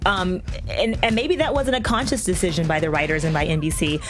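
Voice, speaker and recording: A woman's voice: on the low side, brisk, noisy background. A woman working as a TV host, chatty and opinionated, moving between upbeat commentary and interviews. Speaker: TV host and red carpet reporter. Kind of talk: red carpet interviewing and upbeat panel commentary. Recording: music behind the voice. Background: music.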